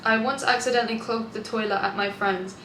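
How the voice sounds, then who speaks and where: This young adult British woman has a fairly high, fairly bright voice that stays steady in tone and runs a little fast. Hosting an online video, she reads confessions and reacts with chatty candor and gleeful amusement at the gossip. Her echoey room has clear background noise.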